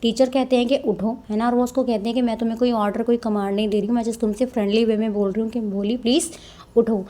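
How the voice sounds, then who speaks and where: A woman teacher, reading passages slowly and explaining them in a Hindi-mix, often adding tag questions. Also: a little high, level tone, warm tone. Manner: reads English lines slowly, then explains in Hindi-English mix. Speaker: English teacher. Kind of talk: explaining a textbook chapter, reading passages aloud.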